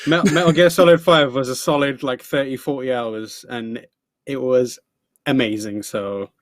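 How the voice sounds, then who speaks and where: A man in a casual gaming panel chat, animated and acting out mock quotes. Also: mid-range voice, moderate pace, no room sound, clean studio sound.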